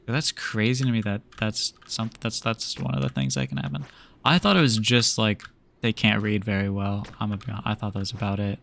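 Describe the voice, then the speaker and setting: A man's voice: lowish voice, lively intonation, normal speed, vocal fry, a bit bright, slight background noise. A young man streaming a game, chatting casually with viewers in a laid-back, rambling way full of fillers and restarts. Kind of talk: casual chat while gaming.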